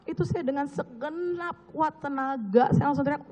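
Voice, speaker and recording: A hoarse woman giving earnest, step-by-step testimony as a witness in a courtroom. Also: high-pitched, moderate pace, darkish tone. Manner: earnest, recounting events step by step with gestures. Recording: echoey hall, muffled lo-fi sound.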